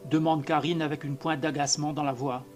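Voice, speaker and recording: A man reading a short story aloud as an audiobook narrator, in a measured, calm manner. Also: a little high, faint music behind. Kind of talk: scripted narration.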